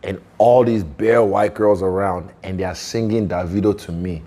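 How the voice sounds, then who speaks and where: A man co-hosting a casual chat, animated and slangy and quick to swear. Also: deep voice. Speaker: co-host.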